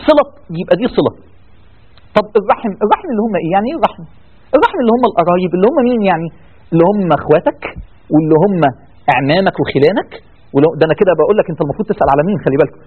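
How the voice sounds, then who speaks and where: A man's voice: sits high, very fast, breathy edge. A man with an Egyptian accent giving a religious talk, firing rhetorical questions and acting out people's excuses. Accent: Egyptian Arabic. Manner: animated, rhetorical questions, acts out excuses of listeners. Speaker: preacher. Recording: tinny phone-like sound.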